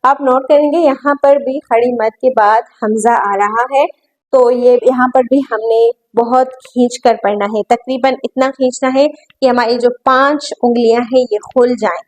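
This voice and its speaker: A woman with a fairly high voice teaches recitation at a very unhurried pace. She spells out each letter and vowel patiently, drawing the syllables out, then explains the rules a little faster before reciting again. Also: fairly even intonation, rough recording. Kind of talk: tajweed lesson, spelling out letters and vowels slowly.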